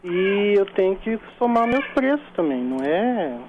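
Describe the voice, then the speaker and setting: A man's voice: sits high, sing-song, moderate pace. Man, over the phone, phone-line sound, faint hiss, guarded short answers, defensive. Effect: heard over the phone. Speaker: prank-call target selling gym equipment.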